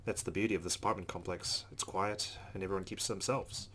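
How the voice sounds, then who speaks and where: A man hosts a let's play, reading visual novel narration aloud and adding asides, with loud noise in the background. His voice sits low and steady, and he talks fast.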